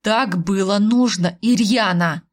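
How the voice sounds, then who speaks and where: A woman voicing a stern, weary male dragon husband who speaks slowly and firmly. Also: mid-range voice. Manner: slow, firm, tired.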